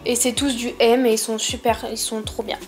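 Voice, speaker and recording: A woman's voice: a little high, flat delivery, normal speed, faint music behind. A young woman with a lisp on her s sounds, chatting casually and informally as she presents a shopping haul.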